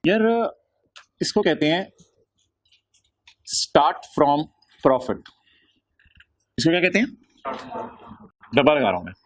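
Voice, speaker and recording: A male accounting lecturer, teaching a class by firing quick questions at the students and answering them himself. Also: a little high, big pitch swings.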